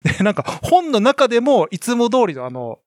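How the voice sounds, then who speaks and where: A man's voice: high-pitched, very animated, fairly quick, no echo, clean studio sound. A man co-hosting a casual podcast chat, rambling on with many fillers and restarts. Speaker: podcast co-host.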